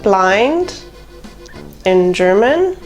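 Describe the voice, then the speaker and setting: A woman giving a vocabulary lesson, reading word pairs in a slow, deliberate way. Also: mid-range voice, big pitch swings. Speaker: language teacher. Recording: faint background music. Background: faint background music.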